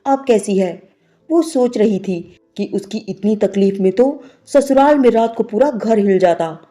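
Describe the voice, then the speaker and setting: Over background music, a woman with a medium-pitched, dark-toned voice narrates a sentimental, scripted moral story as a storyteller.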